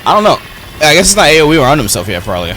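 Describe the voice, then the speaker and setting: A young man giving casual live gameplay commentary, slangy and profane as he thinks out loud. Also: fairly high pitch, sing-song, rapid-fire, noisy background. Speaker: video game streamer. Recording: loud game music behind the voice. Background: video game music and effects.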